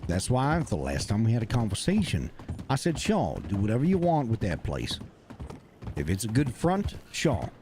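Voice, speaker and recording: A man, speaking gruffly and bluntly in character during a roleplay game stream, swearing often. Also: fairly low pitch, wildly swooping pitch, normal speed, darkish tone, a little hiss or hum.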